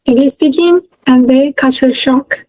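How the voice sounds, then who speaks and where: A woman in her thirties from Myanmar, with a Burmese accent, is a guest in a casual interview over a video call, answering hesitantly with many fillers and restarts. Her voice sits high with a darkish tone at a moderate pace. The recording is dry and of poor audio quality.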